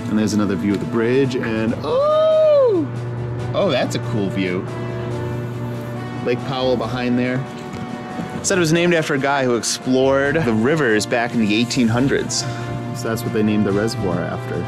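A man's voice: medium pitch, huge pitch swings, moderate pace, loud music behind the voice, low-quality recording. A man in his forties, a travel vlogger, chatting casually to an arm's-length camera outdoors in the wind and exclaiming at the views. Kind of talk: casual outdoor vlog narration. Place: outdoors on a windy canyon rim and dam bridge. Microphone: action camera held at arm's length.

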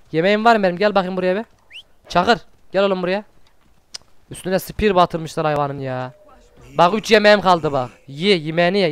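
A man hosting a let's play, commenting excitedly as he plays, swearing at enemies and coaxing his pet wolf along. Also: high voice, smooth. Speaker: gaming channel host.

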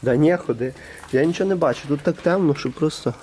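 A man's voice: on the high side, quick pace, mellow, a little hiss or hum. A man filming a casual vlog as he explores a large abandoned concrete hall, chatting to a friend as he goes. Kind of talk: casual handheld vlog narration.

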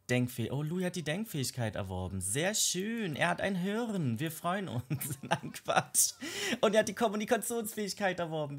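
Let's-play host, man, gushy excitable commentary with high squeals, mid pitch. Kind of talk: casual gameplay commentary.

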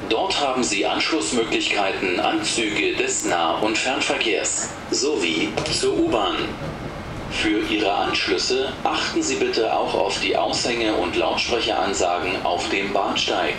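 A man reading scripted station announcements in a formal, measured way over a train intercom. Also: fairly low pitch. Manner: formal, measured, in short set phrases. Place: inside a commuter train carriage. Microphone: recorder far from the train's loudspeaker. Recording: echoey, noisy train cabin, distant loudspeaker. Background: loud train noise.

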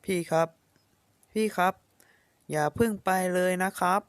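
A man's voice: high voice, measured pace, clean tone, dry recording. A man voicing a small, sickly, clingy boy who pleads and whines in a manga comic voice-over dub. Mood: pleading. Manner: pleading, whiny.

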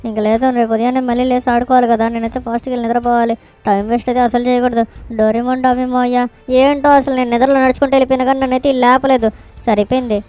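A woman voices a cheeky little boy who whines through his lines in a high, smooth voice. The tone is soft and mellow, and he rattles his words off quickly. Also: level tone, soft background music, lightly acted. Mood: sleepy.

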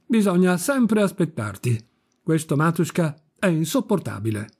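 A demanding, capricious old countess barks orders and complains in a raised, slightly husky voice, as a male reader puts her on. She sounds peevish and imperious throughout, her lines clipped and commanding. It is a reading of a classic story. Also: on the high side, sing-song, normal speed. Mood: scolding.

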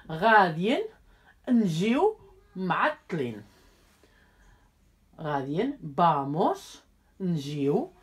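Woman, casual video lesson, slow, lively pitch, careful repetition, chatty asides. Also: breathy edge. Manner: chatty, apologetic asides while handling cards. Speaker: language teacher.

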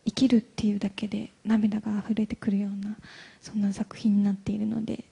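Very breathy, soft-spoken young woman. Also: medium pitch, little pitch movement. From Hyogo, Japan. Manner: soft-spoken, hesitant, halting. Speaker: guest actress. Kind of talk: live stage interview. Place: event hall stage.

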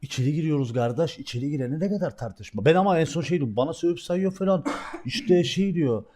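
A young man on a livestream, telling a story in casual chat with a slightly high voice. He swings between loud bursts and muttered asides and swears freely. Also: fast, slight background noise. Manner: animated, swearing, shifts between loud outbursts and quiet asides. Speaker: streamer.

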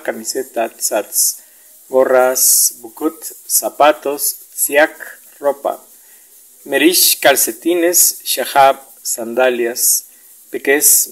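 A man's voice: medium pitch, poor audio. A man teaching a class lesson, working through a worksheet step by step and repeating words to model their pronunciation.

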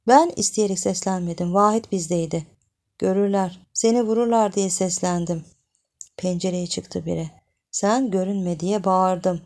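A young village wife pleads in a frantic hush, her voice pushed high and urgent, as a woman narrator puts her on. The tone stays dark and gravelly underneath, like a storybook reading turned tense. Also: steady tone, normal speed, natural voice. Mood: pleading.

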